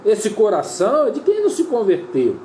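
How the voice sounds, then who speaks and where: A man with a Brazilian Portuguese accent preaches a sermon in a high, warm voice whose pitch swoops wildly, moving at a brisk pace. He is earnest and repetitive and calls his listeners brother, with roomy echo and faint ambient noise around him.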